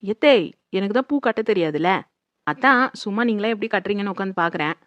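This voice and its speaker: A woman's voice: medium pitch, animated, a bit bright, no room sound, muffled recording, close to an everyday voice. A woman playing a cheeky young daughter-in-law. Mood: defiant. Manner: quick, sassy back-talk. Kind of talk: comedy skit acting.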